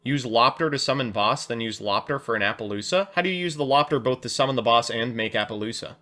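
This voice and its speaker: A man talks casually through a card game on a live stream, reacting loudly to draws and reading chat aloud. His voice sits at an ordinary male pitch, and he laughs easily at his own jokes. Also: quick pace.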